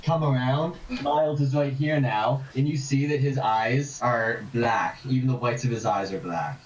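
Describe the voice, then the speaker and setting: A man's voice: mid-range voice, moderate pace, roomy sound, highs cut off. A man running a tabletop game as game master, describing scenes and building suspense. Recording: distant mic.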